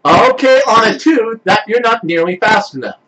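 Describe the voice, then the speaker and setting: Animated high-voiced game master, a man. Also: moderate pace, low-quality recording. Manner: animated, laughing, lively pitch swings. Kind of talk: narrating a tabletop game.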